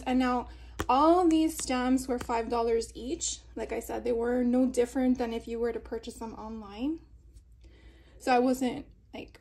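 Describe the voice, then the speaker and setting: Chatty higher-voiced woman showing craft haul. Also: a little mellow. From Florida. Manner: chatty, laughs often, many fillers. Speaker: craft vlogger. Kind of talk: casual haul show-and-tell. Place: indoors at a table.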